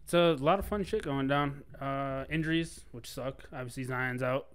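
A man's voice: mid-range voice, moderate pace, a bit bright, clear, resonant tone. A man hosting a casual sports podcast from his basement, jokey and often laughing at himself. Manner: laughing, jokey, self-deprecating. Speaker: podcast co-host. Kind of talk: casual chat.

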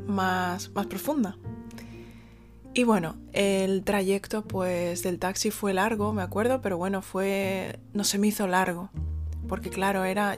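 Woman just chatting, rambly, lots of um and restarts, soft music behind. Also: medium pitch. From Spain. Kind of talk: casual storytelling.

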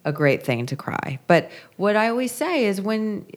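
A woman's voice: medium pitch, big pitch swings, normal speed. A woman author talking through her ideas in an interview, earnest and reflective. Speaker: author and guest. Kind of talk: conversational interview.

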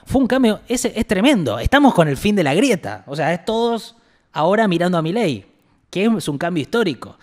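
An Argentine man with a slightly high voice talks politics in a loose, casual chat. He sounds blunt and exasperated and swears without holding back. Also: big pitch swings, fairly quick. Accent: Argentine Rioplatense Spanish. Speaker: political podcast co-host.

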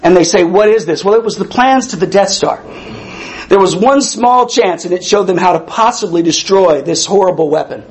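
Wheezy, high-pitched male preacher. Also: moderate pace, a little hiss or hum, low-quality recording. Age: 50s. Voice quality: wheezy breathing from a past tracheotomy. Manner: emphatic, repeats key phrases, asks listeners questions. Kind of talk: animated conversational sermon to a congregation.

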